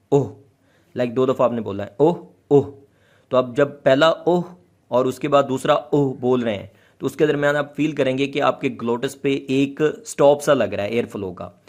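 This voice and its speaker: A man teaching linguistics in a patient explanatory lecture, slowly repeating example sounds, with frequent hesitation fillers. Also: mid-range voice.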